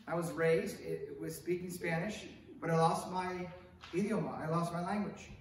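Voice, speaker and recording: Standing at a lectern in a stone-walled church sanctuary, a middle-aged Hollywood, California man delivers a conversational sermon, animated, with wide hand gestures and questions for the congregation. His pitch is fairly high and his pace moderate, with a little hiss or hum. He uses a stand mic at the lectern, but the far-off camera captures a very echoey sanctuary.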